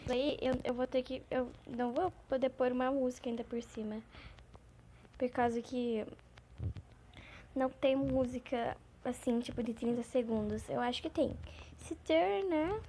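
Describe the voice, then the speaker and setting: A talkative woman chats her way through a game, rambling and easily excited. Her voice sits high and mellow, with a faint hiss of background noise. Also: unhurried. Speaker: gaming channel host. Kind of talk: gameplay commentary.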